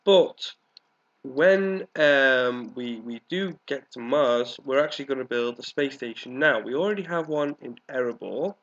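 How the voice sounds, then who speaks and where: An unhurried man with a mid-range voice narrates his gameplay in a casual let's play, stuffed up from a cold and coughing occasionally. As the gaming video's host, he's captured on a dull, lo-fi microphone.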